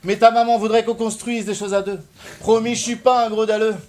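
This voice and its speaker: A French man delivering mocking, loud rap battle verses aimed at his opponent. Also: high voice, flat delivery, brisk, slight background noise. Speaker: battle rapper.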